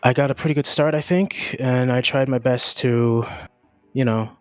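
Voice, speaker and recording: Brief: breathless driver, mid-pitched man, hesitant post-race interview over music. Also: steady tone, moderate pace, no echo, lo-fi sound. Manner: hesitant, filler-heavy, candid. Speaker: racing driver.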